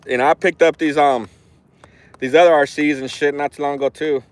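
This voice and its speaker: A man's voice: fairly high pitch, steady tone, a little fast. A man in his forties chatting on a phone livestream outdoors, rambling and frank, swearing freely with tough talk. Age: 40s. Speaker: RC hobby vlogger. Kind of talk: casual livestream chat. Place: outdoors near an orchard.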